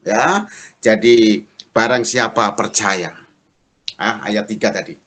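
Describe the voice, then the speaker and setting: A middle-aged male pastor preaching a sermon, telling a story and acting out the dialogue in raised voices. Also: slow pace. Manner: lively storyteller, acts out dialogue in high voices.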